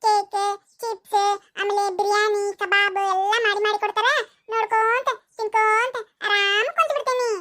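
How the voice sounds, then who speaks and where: A woman's voice: very high-pitched, fairly even intonation, normal speed, sharp tone. A woman voicing a stubborn little schoolgirl who hates class, whining and pleading in a North Karnataka Kannada accent. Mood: gushing. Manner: whiny, pleading, sing-song listing. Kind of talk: cartoon voice acting.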